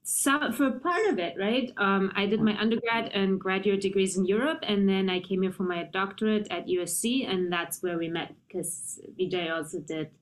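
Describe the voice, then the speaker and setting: A woman pianist in her thirties, from Germany, answering interview questions in a thoughtful, measured way. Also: mid-range voice, slight background noise, poor audio. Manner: thoughtful, measured, with frequent um and you know. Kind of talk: conversational interview.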